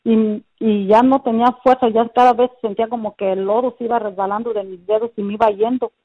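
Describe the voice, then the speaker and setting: A woman's voice: fairly high pitch, steady tone, a little fast. A middle-aged woman giving a personal religious testimony as a guest, telling her story earnestly and repeating phrases, with many fillers. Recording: dull lo-fi sound.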